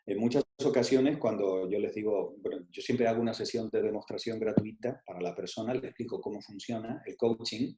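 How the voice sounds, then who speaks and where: A man's voice: on the low side, fairly quick, few pauses, dark tone, roomy sound. A man leading an online coaching workshop, stressing his points, repeating key phrases and asking rhetorical questions.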